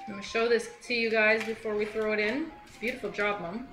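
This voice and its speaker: A woman's voice: medium pitch, steady tone, brisk, roomy sound, over music, poor audio. A woman in her thirties hosting a home cooking video in her kitchen, chatty and enthusiastic, praising the food as she explains each step. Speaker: cooking show host.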